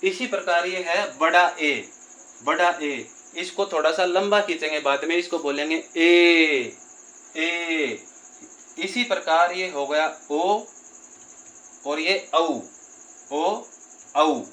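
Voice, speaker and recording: A man teaching grammar at a slow, unhurried pace, his voice bright and a little high for a man. He repeats each sound patiently and stretches the long vowels out, talking to his listeners as friends. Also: low-quality recording. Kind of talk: Hindi grammar lesson.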